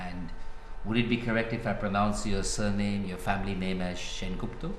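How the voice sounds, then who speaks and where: A middle-aged man from India, gently and calmly questioning a patient as a psychiatrist in a demonstration interview. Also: on the low side, slight background noise. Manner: calm, gentle, measured questioning. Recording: roomy echo.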